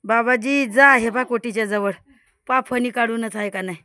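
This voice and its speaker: A woman's voice: fairly high pitch, normal speed, bright, forceful tone, no echo. A woman, filming outdoors on a phone and talking to a snake with pleading, repetitive commentary. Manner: pleading, repeats words, talks to the snake. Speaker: vlogger. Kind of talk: excited live commentary while filming a snake.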